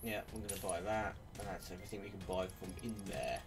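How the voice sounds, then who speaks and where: A man's voice: sits low, steady tone, fast. A man giving casual let's play commentary as a game streamer, with game music behind him. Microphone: seated before a webcam.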